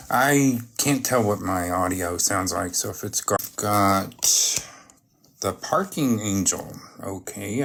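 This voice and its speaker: A live stream host chatting casually while showing off items, halting and often breaking off to greet viewers, with some noise and clicking. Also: low voice. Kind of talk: casual live stream chat while unboxing oracle cards.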